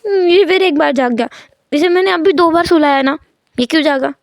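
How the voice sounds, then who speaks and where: A woman voicing an emotional, pouty pregnant young man who talks in a higher, whiny, teary way, in a read-aloud story. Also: moderate pace, dry recording, studio quality.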